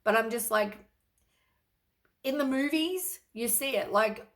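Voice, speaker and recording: A woman's voice: fairly high pitch, takes it slowly, a bit bright. A woman doing a casual tarot reading to camera, blunt and exasperated, with lots of sighs and casual swearing. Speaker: tarot reader.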